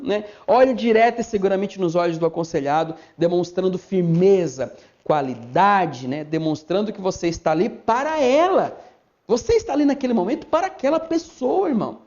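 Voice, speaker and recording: A man with a Brazilian Portuguese accent teaching a video lesson to camera, folksy and animated, acting out little scenes. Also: high voice. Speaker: pastor teaching a course. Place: indoors, seated before a camera. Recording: dull lo-fi sound.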